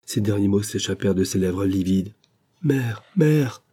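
A man narrating a classic adventure novel as an audiobook, in a measured storytelling manner. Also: sits low, completely flat delivery, warm tone, husky.

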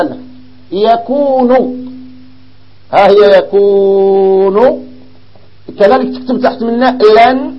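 A man with a Moroccan accent teaching an Arabic grammar lesson to a class, explaining slowly and quizzing his students. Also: high-pitched, lo-fi sound. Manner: explains slowly, asks the class questions, mixes in dialect.

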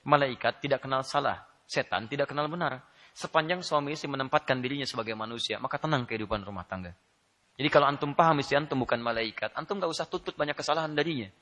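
Bright-voiced animated male preacher. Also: medium pitch, quick pace. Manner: animated, joking with the audience, rising to loud laughing emphasis; addresses listeners directly. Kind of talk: Islamic sermon.

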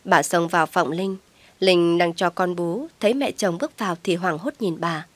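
A woman reading a dramatic family story aloud as narrator, in a steady storytelling manner. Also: lowish voice, moderate pace, dry recording. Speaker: audiobook narrator.

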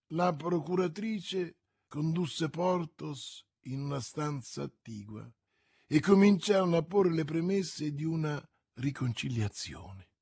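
Slow husky male audiobook narrator. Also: on the high side, a little mellow, no echo, clean studio sound. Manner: measured, theatrical reading. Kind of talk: scripted narration.

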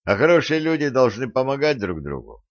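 A man voicing a patient, seasoned monster hunter in an audiobook, calm and restrained with a sarcastic edge. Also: medium pitch, fairly quick, no echo, voice pushed up, lightly acted. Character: patient seasoned adult male monster hunter, dry wit. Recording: dull lo-fi recording.

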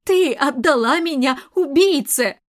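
A woman's voice: fairly high pitch, normal speed, close to an everyday voice. A woman reading an audiobook, voicing a frightened but defiant young woman who pleads and then cries out in distress. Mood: distraught, shouting.

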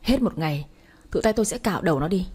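A woman's voice: fairly low pitch, lively intonation, quick pace, darkish tone, breathy edge. Woman reading a furious stern old father. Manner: harsh scolding commands. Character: angry stern elderly father, family patriarch.

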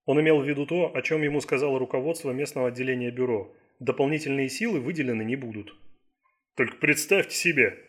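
A man narrating an audiobook thriller in a steady, measured reading. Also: medium pitch. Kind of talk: scripted narration.

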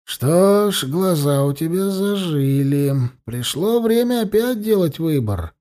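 A man's voice: high-pitched, expressive, slow, mellow. A man reading an audiobook, voicing a cold, smug middle-aged priest who talks down to his prisoner. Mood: cold mocking. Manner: cold, mocking and condescending.

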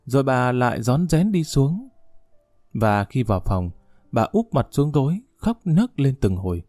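A calm male narrator reads the story in an even, steady way. His voice is dark and mellow, recorded close and dry, with faint music underneath. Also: medium pitch, measured pace, dry recording. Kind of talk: audiobook narration.

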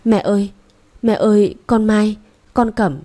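A woman's voice: mid-range voice, measured pace, mellow, lightly acted. A woman reading aloud voices a frightened, scheming young wife who whimpers and pleads in panic. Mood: pleading.

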